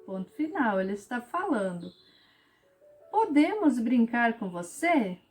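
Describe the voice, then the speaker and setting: A woman teacher, explaining a lesson patiently and clearly to children and acting out example sentences with lively intonation. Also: high-pitched. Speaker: special education teacher.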